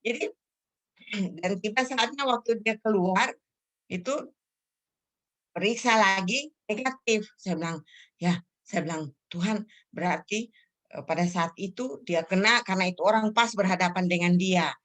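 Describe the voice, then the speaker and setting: A woman's voice: mid-range voice, unhurried, pauses often, fairly bright tone. A middle-aged woman tells her church testimony in a loose, heartfelt way. She rambles, stops to search for words and starts her sentences over. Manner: emotional, rambling with frequent fillers and self-corrections. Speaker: church member sharing a testimony. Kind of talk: casual spoken testimony.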